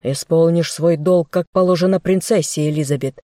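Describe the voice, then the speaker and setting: A woman voicing an arrogant, treacherous young man, a squire in armor who shouts threats. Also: sits low, moderate pace, no echo, clean studio sound, natural voice. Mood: menacing. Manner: shouting, menacing.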